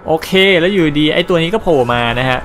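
A man casually commentating a video game he plays, explaining and translating the story and reacting excitedly to fights. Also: fairly high pitch, fast talker, faint music behind. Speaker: gaming channel host. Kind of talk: casual let's-play commentary.

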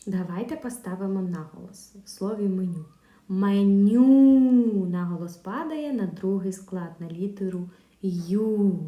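A woman teaching a video lesson to young pupils, speaking clearly with pauses for answers and a sing-song teacher manner. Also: medium pitch, warm tone. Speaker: primary school teacher. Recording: echoey room.

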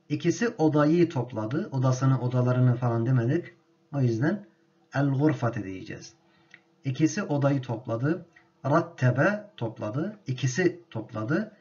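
A male teacher leads a grammar lesson at an unhurried, measured pace, saying each word twice so it sinks in. His voice sits at an ordinary middle pitch. The recording sounds dull and muffled, like lo-fi audio. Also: darkish tone. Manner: slow and deliberate, repeating each word for drilling. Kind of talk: grammar lesson with spoken drills.

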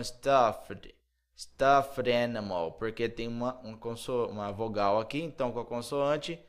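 Brazilian male English teacher, unhurried, drilling vocabulary by repetition. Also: medium pitch, a bit bright, smooth. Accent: Brazilian Portuguese, Mato Grosso. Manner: slow, repeats words over and over for drilling. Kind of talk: video English lesson for Portuguese speakers.

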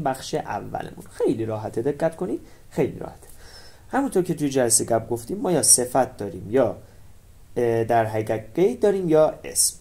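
A man with a Persian accent teaching an English grammar lesson online, repeating English words slowly for pronunciation. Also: mid-range voice, dark tone.

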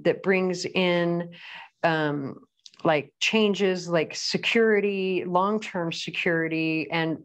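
A woman with a somewhat low voice talks her viewers through a casual tarot reading at home. She rambles in a chatty way and keeps breaking off to apologize. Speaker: tarot reader. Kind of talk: casual pick-a-card reading. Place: at home with a pet bird.

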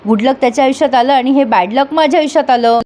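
Woman reading as a furious bullying man, harsh and scolding, slightly high voice. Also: fast talker, darkish tone, natural voice. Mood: angry, threatening. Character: angry scheming grown man, bullying and threatening.

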